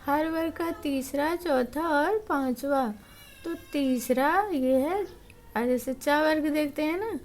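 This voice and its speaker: A woman's voice: high voice, slow, darkish tone. A woman teaching a grammar lesson, explaining patiently and repeating each point step by step.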